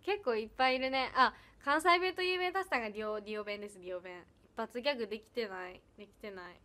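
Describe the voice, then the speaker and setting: An idol livestreamer, a young woman with a high, bright voice, chats casually and fast while reading viewer comments. She giggles often and keeps thanking people.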